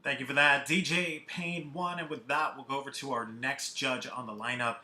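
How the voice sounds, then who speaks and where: A man hosts a live online music competition over a video call, introducing judges and artists with an upbeat announcer style. His mid-range voice sounds pushed and bright, steady at a normal speed.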